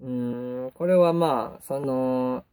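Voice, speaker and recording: A young man with a Kansai accent, hosting a casual solo podcast and chatting in a relaxed way with lots of fillers. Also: mid-range voice, slow pace, clean tone. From Kansai, Japan. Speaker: podcast host.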